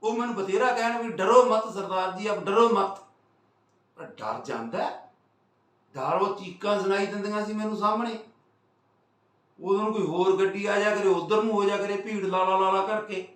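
A man from Punjab in India telling a road story in a casual, animated vlog, acting out what others said and swinging between loud and hushed. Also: sits high, normal speed. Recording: roomy sound from a distance.

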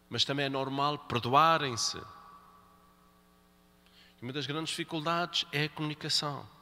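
A man's voice: a little high, bright, forceful tone. A man preaching a sermon at Mass, talking conversationally and repeating key phrases for emphasis. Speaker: priest. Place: church. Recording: reverberant church hall.

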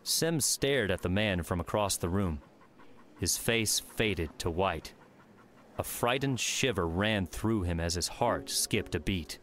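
Low-voiced male audiobook narrator. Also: animated, takes it slowly, a bit bright, a little hiss or hum. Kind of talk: scripted narration.

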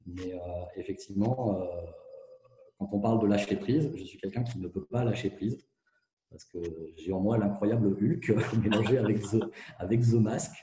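A man speaking candidly as an interview guest, with fast, tumbling speech full of hesitations and restarts, heard through a hands-free kit. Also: fairly low pitch, steady tone, dark tone. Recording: echoey, muffled hands-free phone sound.

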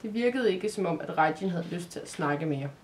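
A woman from Denmark narrating an advent storybook in a calm, measured reading voice. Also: lowish voice.

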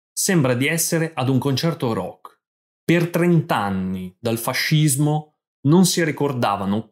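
A man reading scripted narration for language learners, telling a story in short, clear sentences. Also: medium pitch. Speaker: podcast host and language teacher.

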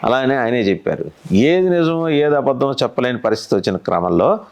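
A man's voice: mid-range voice, lively intonation, brisk, darkish tone. A man giving solo political commentary in a conversational, wry manner, often asking pointed rhetorical questions.

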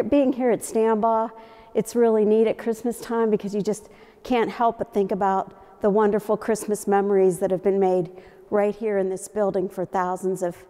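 A woman's voice: mid-range voice, dark tone. A middle-aged woman, a development officer, giving an earnest holiday greeting in a large indoor hall on a lapel mic. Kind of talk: casual holiday greeting to camera. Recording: reverberant hall.

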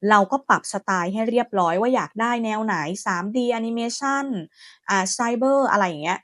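A woman hosting a software tutorial, chatty and friendly, talking her viewers through each step. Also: on the high side, animated, moderate pace, no echo, clean studio sound. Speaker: AI tutorial host. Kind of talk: screen-recorded software tutorial.

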